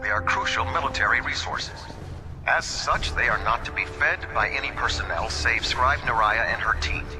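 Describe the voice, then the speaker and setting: An actor playing a stern male military base announcer, heard over a factory-style loudspeaker and giving brisk, formal orders. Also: mid-range voice, over music.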